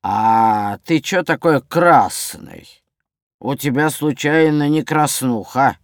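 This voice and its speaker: A man's voice: mid-range voice, takes it slowly, no room sound, clean studio sound. A man playing a lazy, rhyming kiosk seller. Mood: teasing. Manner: lazy, drawling, sing-song rhymes.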